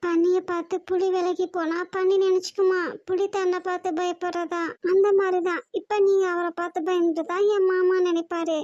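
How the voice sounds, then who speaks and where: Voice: very high-pitched, level tone, normal speed, hardly any pauses, a little mellow, dry recording. A woman voicing a tearful, earnest young wife in a cartoon, with a Kongu Tamil accent and a pleading, questioning way of talking. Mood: tender, longing. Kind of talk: cartoon voice acting. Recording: dull dry lo-fi recording.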